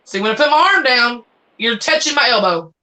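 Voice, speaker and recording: A middle-aged woman co-hosting a casual live chat from home over a call, playful and teasing, quick to laugh. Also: on the high side, animated, bright, forceful tone, low-quality recording.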